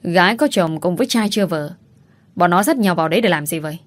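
A woman's voice: lowish voice, lively intonation, quick pace, no room sound, close to an everyday voice. A woman doing a sly scheming older concubine. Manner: insinuating, feigning innocence.

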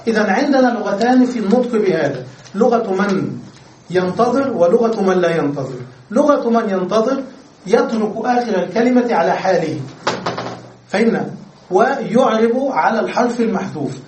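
A man teaching Arabic grammar in a classroom lecture, explaining step by step and often pausing to ask whether the students have understood. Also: high voice, a little mellow. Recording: echoey room, voice far from the mic.

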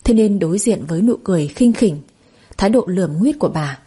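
A woman narrating a first-person story in a calm, quietly bitter way. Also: mid-range voice, a little fast, husky.

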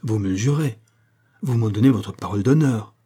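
A man reading the part of a dignified, fatherly male government minister in an audiobook, speaking gravely. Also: lowish voice, moderate pace, warm tone. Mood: solemn.

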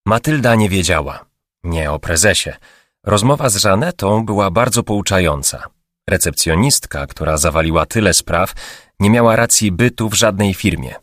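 A man narrates an audiobook in a steady, measured way. His voice sits very low, and the close studio recording is dry with no room sound. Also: no room sound. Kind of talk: scripted narration.

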